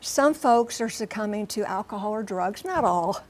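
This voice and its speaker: Reporting live on TV, this American correspondent, who also covers transportation and flies as a pilot, speaks at a moderate pace in a medium-pitched, slightly mellow, animated voice. Her explanations come in emphatic, clipped bursts, yet the tone stays conversational.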